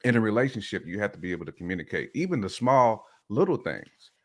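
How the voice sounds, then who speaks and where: Very animated and fast, a man with a lowish voice and a Southern American accent co-hosts a casual chat. He gets his views across conversationally, often using "you know what I'm saying" to drive his points home.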